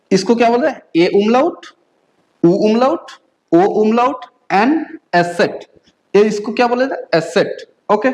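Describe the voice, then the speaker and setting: A woman from India teaches a beginner class at a measured, methodical pace. She spells sounds out one by one, and a steady "okay?" runs through her speech to keep learners with her. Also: on the high side, rough recording. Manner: patient drilling, frequent "okay?" check-ins, slow spelled-out letters. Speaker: German language teacher. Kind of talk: beginner language lesson.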